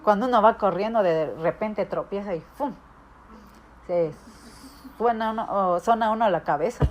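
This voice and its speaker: A woman's voice: medium pitch, moderate pace. Woman preaching a sermon. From Guatemala. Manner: storytelling, acts out quoted voices. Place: church hall.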